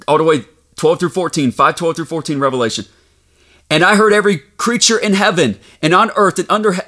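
A man preaching a fervent sermon, reading scripture aloud and rising to shouts as he rebukes his listeners. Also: on the high side.

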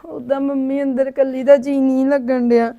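An actress playing a tearful young daughter-in-law who hides her hurt, speaking quietly and hesitantly. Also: sits high, level tone, normal speed, lo-fi sound. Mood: subdued. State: crying. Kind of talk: family drama acting.

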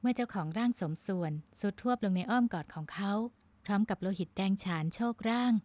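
Woman, audiobook narrator, romance novel, measured delivery, medium pitch, dry booth sound. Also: dry recording. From Thailand. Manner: even, measured storytelling.

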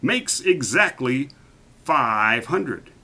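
A man voicing a fussy old male royal hat counter, shrill and breathless in a read-aloud storybook. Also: sing-song, very slow, sharp tone, heavily acted. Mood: weary counting.

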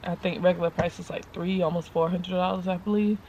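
A woman's voice: lowish voice, steady tone, fast, dark tone, lo-fi sound, slight background noise. A woman talking casually in a family vlog, chatty and rambling with slangy asides, filmed in and around her van on a tripod camera. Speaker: mom vlogger.

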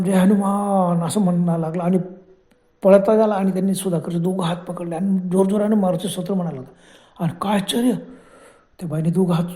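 A man's voice: high-pitched, mellow. A man narrating a horror story in a dramatic, conversational way.

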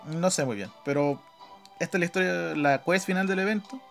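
A man with a Chilean Spanish accent hosts a gaming video, giving casual, slangy live commentary on his gameplay and partly talking to himself. His voice is a little high, a bit bright, and slightly fast. Video game music plays behind him.

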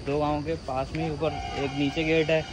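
A young Indian man films a casual vlog on a handheld phone while walking around a hillside restaurant and park, chatting and teasing his friend. His voice is a little high with a flat delivery at normal speed. The outdoor phone audio has clear background noise.

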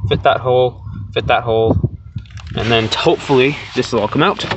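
Young man, casual DIY vlogger, sweary and sarcastic, phone-filmed, dull lo-fi sound with loud noise behind. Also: mid-range voice, steady tone, brisk. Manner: swears freely, sarcastic, rambling asides. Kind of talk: casual DIY repair vlog. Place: working on a car door.

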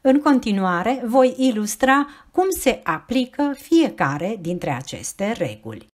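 A woman teacher reads out a scripted lesson. Her delivery is clear, measured and explanatory, and her voice sits at a middle pitch.

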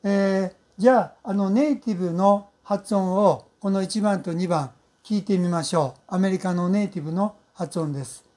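A woman teaching English pronunciation in Japanese, speaking slowly and patiently with many fillers and drawn-out model sounds. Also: medium pitch, warm tone. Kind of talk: recorded pronunciation lesson.

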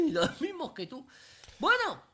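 A man from Spain with a Spain Spanish accent, playfully teasing a friend during a game stream, breaking into sing-song tunes and whispers. His voice leaps all over its range, bright and unhurried. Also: extremely high pitch, wildly swooping pitch. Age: 30s. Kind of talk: playful gaming stream banter.

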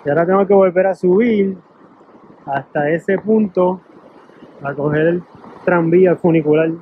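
On mountain hiking trails, mostly outdoors, a travel vlogger holds a camera and narrates casually as he walks. His high-pitched voice is steady at a moderate pace. The handheld recording is noisy and dull.

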